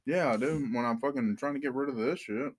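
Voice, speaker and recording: A young man co-hosting a podcast in casual chat, joking, swearing and laughing loudly. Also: mid-range voice, a little fast. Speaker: podcast co-host.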